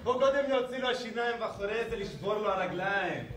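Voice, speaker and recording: An actor playing a boastful young beach thug making threats. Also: male voice, high voice, expressive, far from the mic. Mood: brash. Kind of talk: stage comedy acting. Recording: echoey stage from afar, loud crowd noise.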